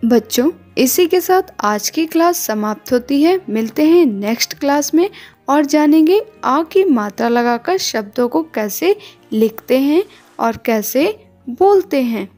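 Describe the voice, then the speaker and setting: A woman teaching a recorded online lesson to young children, with slow, drawn-out, sing-song prompts and repeated questions. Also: sits high, expressive, a little mellow, soft background music. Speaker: kindergarten teacher.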